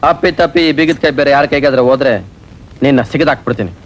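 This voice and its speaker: An actor playing a loud, commanding eldest brother in a family film drama. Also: male voice, fairly high pitch, very fast, close to an everyday voice, low-quality recording. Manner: loud, commanding, comically broken English. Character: bossy, boisterous eldest brother of the house. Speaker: elder brother of the household, lead.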